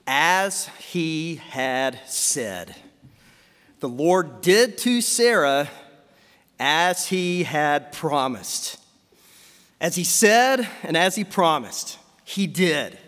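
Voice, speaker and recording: High-voiced male preacher in a reverberant hall. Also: a bit bright. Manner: preaching with rhetorical questions. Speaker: pastor. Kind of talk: sermon.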